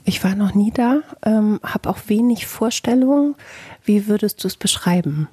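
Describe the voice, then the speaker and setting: Interviewer, woman, husky mellow voice, gently probing, dry close sound. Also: medium pitch, a little slow, no echo. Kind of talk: personal interview.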